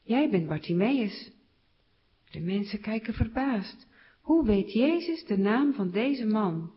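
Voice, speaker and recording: Woman storyteller for children, mid pitch, plain storytelling, slightly dull recording. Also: expressive, a little slow. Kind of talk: telling a Bible story to children.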